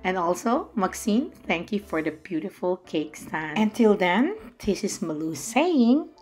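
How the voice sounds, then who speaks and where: A woman's voice: lowish voice, expressive, a little slow, soft background music. A middle-aged woman with a Filipino accent chattily narrating a recipe as a home baking host, with playful asides. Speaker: home baker hosting a cooking vlog. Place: home kitchen, indoors.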